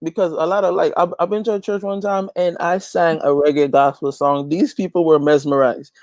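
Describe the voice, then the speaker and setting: A Guyanese man, a gospel reggae artist and youth pastor, talks casually as an interview guest, preaching a little and repeating phrases for emphasis. His voice is fairly high and darkish in tone, with fairly even intonation and a fairly quick pace. There's no echo on the recording.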